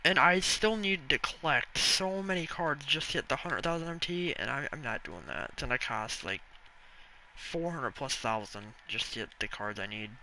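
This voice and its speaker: A young man live-streaming a video game, rambling casually to viewers and breaking into excited yelling and swearing. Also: medium pitch, moderate pace, slight background noise, rough recording. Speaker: gaming streamer.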